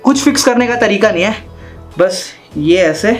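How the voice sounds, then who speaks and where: A man's voice: high voice, expressive, normal speed, soft background music. A young man in a casual how-to vlog, chatting and repeating himself as he works with his hands at a desk in a small room. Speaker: vlogger.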